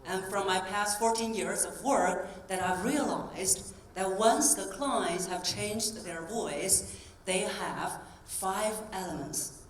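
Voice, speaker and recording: On stage in a large hall, a woman voice coach gives a keynote with audience exercises, energetic and coaxing as she drills the crowd. Her middle-pitched voice comes slowly from some distance off the mic, and the room rings around her with faint ambience and slight background noise.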